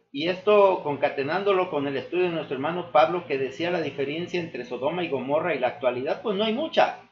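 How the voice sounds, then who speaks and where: A man giving an earnest, sermon-style testimony to his church, addressing the listeners as brothers and often pausing with fillers and restarts. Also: on the high side. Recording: echoey room, dull lo-fi sound.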